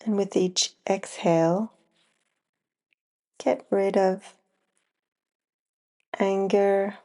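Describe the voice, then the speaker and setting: In a slow guided relaxation meditation, a female yoga nidra teacher speaks at a medium pitch with a steady tone. The voice is soft-edged and mellow with a distinct creak of fry, delivered very slowly in brief phrases separated by long silences.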